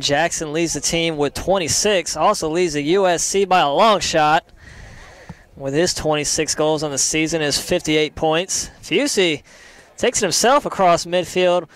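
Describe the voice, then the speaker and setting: A young man calling a live college soccer match play by play, steady between plays and rising sharply on chances. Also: on the high side, moderate pace, clear, resonant tone. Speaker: play-by-play commentator.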